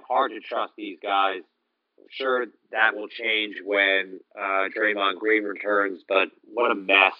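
Low-voiced man, dry and muffled recording. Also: dry recording. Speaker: fantasy basketball podcast host. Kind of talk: sports recap commentary.

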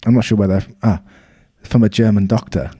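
A man's voice: on the low side, steady tone, a little fast, dark tone, husky. A man co-hosting a travel podcast, joking around and reading facts from his notes. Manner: jokey, reads facts from notes. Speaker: podcast co-host. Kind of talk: casual chat.

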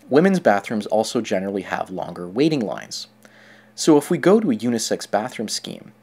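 A man's voice: mid-range voice, a little mellow. A man delivering scripted opinion commentary in a sardonic, mocking manner.

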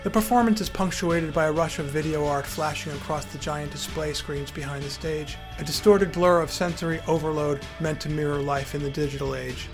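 A man's voice: fairly high pitch, fairly even intonation, fairly quick, few pauses, music in the background. Wry male memoir narrator. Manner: wry, dryly humorous.

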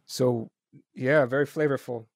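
A man's voice: mid-range voice, fairly even intonation, a little slow, no room sound, clean studio sound. A man hosting a casual live-stream interview, joking and chatty. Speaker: podcast host.

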